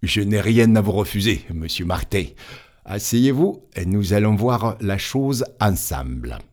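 Man doing a kindly old saint, gatekeeper, patient, fatherly, low voice, unhurried. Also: animated, a little mellow. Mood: gentle. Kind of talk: audiobook storytelling.

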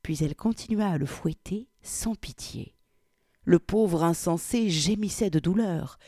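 Expressive woman reading a story aloud. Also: lowish voice, no echo, clean studio sound. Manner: expressive reading, lively intonation. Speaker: reader presenting an anthology. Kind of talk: reading a story aloud, then casual commentary.

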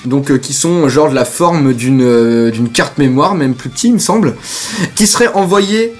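A man's voice: mid-range voice, lively intonation, moderate pace, soft background music. A young man co-hosting a casual podcast, rambling and hesitant with many fillers. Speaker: podcast co-host.

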